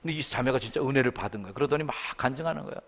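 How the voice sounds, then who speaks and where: Speaking very fast at medium pitch, a middle-aged revival preacher tells animated stories in a church sanctuary and acts out the quoted voices of their characters.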